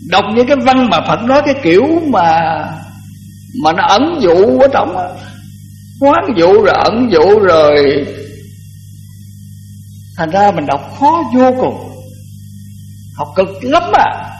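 An older Buddhist monk gives a folksy sermon, often repeating words. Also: male voice, high-pitched, big pitch swings, takes it slowly, pauses often. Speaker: Buddhist monk giving a dharma talk. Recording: echoey hall, dull lo-fi, faint music.

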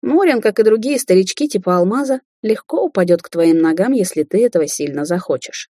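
A woman's voice: medium pitch, expressive, brisk, dark tone, dry recording, clean studio sound, voice pushed up, close to an everyday voice. A woman reading an audiobook, voicing a young sorceress who speaks to her mother sarcastically and tauntingly. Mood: cold. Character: young adult woman sorceress, mocking daughter.

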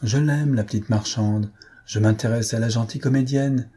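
A man's voice: medium pitch, fairly even intonation, moderate pace, dark tone, breathy edge, lightly acted. A man reading aloud and voicing a sly, wheedling older man who speaks in honeyed tones.

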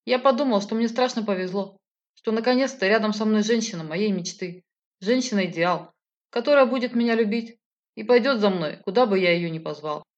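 A woman's voice: mid-range voice, fairly quick, close to an everyday voice. A woman voicing an emotional, impulsive grown man who pleads and argues with his partner. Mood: heated. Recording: slightly dull lo-fi audio.

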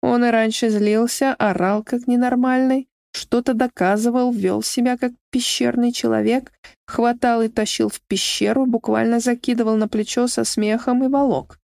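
A woman narrates a novel aloud in an expressive storytelling manner. Her voice sits fairly high. The recording is dry and close, with no room around it. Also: normal speed, creaky, no echo. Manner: expressive, shifting into shrill character voices. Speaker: audiobook narrator. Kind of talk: scripted narration.

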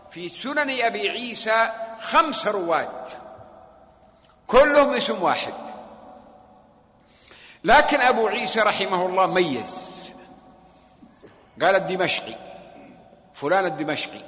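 A man's voice: high voice, pushed and bright. A man teaching a mosque class, often stopping to quiz students and restarting words. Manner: keeps asking students check questions, many stuttered restarts. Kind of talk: mosque lesson on hadith terms. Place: mosque hall. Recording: reverberant mosque hall.

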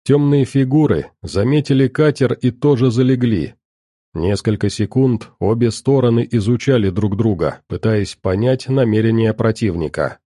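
A man giving steady scripted audiobook narration of an action story. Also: medium pitch, normal speed, breathy edge, no room sound, clean studio sound.

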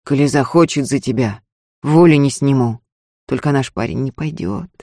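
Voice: mid-range voice, moderate pace, warm tone, no room sound, clean studio sound, close to an everyday voice. A reader voicing a restrained, grumbling middle-aged peasant husband in an audiobook. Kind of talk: audiobook character voice.

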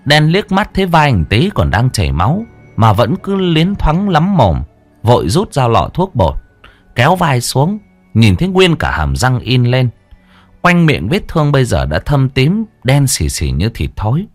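A man's voice: medium pitch, wildly swooping pitch, a little slow, faint music behind. A man narrating a ghost story with dramatic flair.

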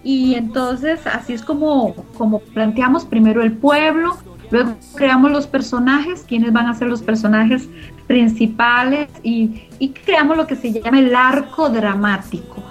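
Searching for her words, a woman describes her work in radio production during an interview, her voice a little high and her pace measured. Music runs beneath a muffled recording.

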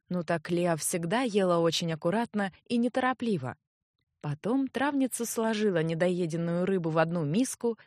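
A woman audiobook narrator reads a fantasy story as scripted narration, in a measured and even storytelling manner. Her voice is medium in pitch, and the studio-quality recording has no echo.

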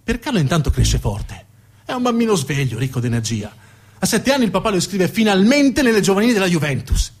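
An actor and monologue storyteller performs a theatrical narrative monologue in a high, very animated, brisk voice. His delivery is dramatic and emphatic, building on repeated phrases.

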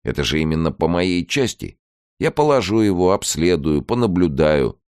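A man's voice: low-pitched, sing-song, normal speed, a little mellow, clean tone, no room sound, clean studio sound, voice pushed up. A man voicing an earnest male professor in an audiobook, speaking persuasively and eagerly. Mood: pleading.

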